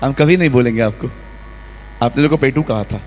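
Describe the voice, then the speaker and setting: Lively preacher in an echoing hall. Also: male voice, mid-range voice, fairly quick, a little hiss or hum. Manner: lively preaching with acted-out quotes and role-play. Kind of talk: sermon. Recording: long hall reverb.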